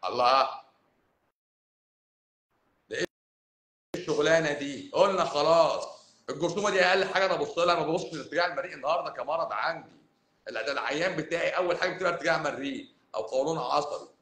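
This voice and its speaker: A man from Cairo with an Egyptian accent, a doctor talking bluntly and emphatically to viewers on a livestream, swinging between loud and hushed. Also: on the high side, fast talker, pauses often, roomy sound, rough recording. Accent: Egyptian Arabic, Cairo. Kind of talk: livestream talk answering viewers.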